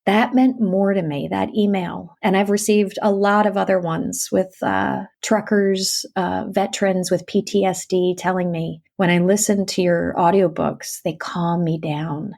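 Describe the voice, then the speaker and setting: A middle-aged audiobook narrator appears as an interview guest, chatting animatedly and telling stories with lively swings and laughter. Her mid-range voice has vocal fry, and she talks at an unhurried pace with few pauses.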